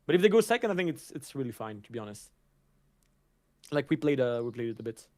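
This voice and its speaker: A man's voice: medium pitch, very animated, fast talker, a little mellow. A young man co-commentating a card game livestream in a casual, slangy way, often stumbling and restarting.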